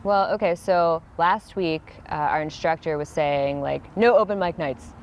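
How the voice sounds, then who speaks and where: A woman in her thirties talks casually and a bit nervously, poking fun at herself. Her voice sits fairly low. She is recorded outdoors on a clip-on mic, with faint background noise. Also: measured pace. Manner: chatty, nervous, self-deprecating. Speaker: comedy student, interviewee. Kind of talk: casual interview chat. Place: outdoors on a bench beside a sidewalk.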